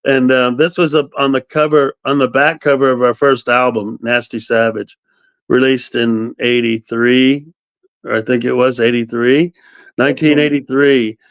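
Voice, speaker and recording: Man in his fifties, animated storyteller, middle pitch, dry dull call audio. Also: normal speed, dry recording. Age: 50s. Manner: animated storyteller, quotes others. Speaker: guest. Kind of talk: casual storytelling interview. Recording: dry, slightly dull sound.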